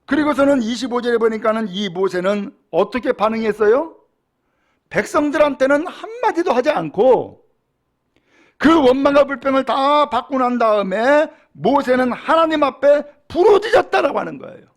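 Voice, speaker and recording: A middle-aged man, a pastor, delivering a sermon with animated preaching that acts out quoted speech. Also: very high voice, normal speed.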